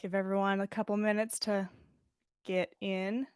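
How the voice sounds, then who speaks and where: This woman's mid-range voice comes at normal speed with a flat delivery, recorded cleanly with no room sound. She's hosting a podcast livestream, giggling, swearing casually and keeping it informal as she chats and reads fan fiction right up against a pop-filtered mic.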